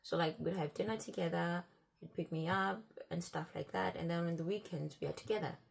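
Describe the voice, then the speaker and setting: A woman vlogger tells a personal story in a relaxed, conversational way. Her voice is husky and a little gravelly. She keeps circling back and repeating herself as she replays both sides of old conversations. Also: on the low side, a little fast. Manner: chatty, retells conversations with "I'm like" and "he's like"; repeats and restarts phrases as she talks. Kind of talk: casual storytime.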